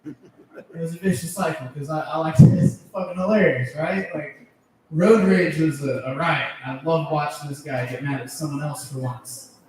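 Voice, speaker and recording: On a club stage with an audience, a comedian delivers raunchy, swear-filled material and laughs at his own lines. His fairly high voice is a little mellow, fairly even in intonation and normal in speed. Captured distantly on a handheld stage mic in an echoey room, the audio carries a little hiss or hum.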